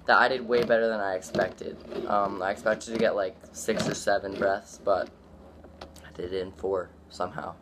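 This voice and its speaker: A man recording a casual vlog, out of breath and excited, with breathless exclamations between breath holds. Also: lowish voice, moderate pace. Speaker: video creator. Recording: loud clicking noise behind voice.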